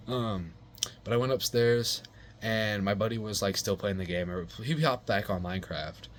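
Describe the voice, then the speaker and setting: A man's voice: fairly low pitch, unhurried. A young man casually telling a rambling personal story, full of swearing, slang and fillers.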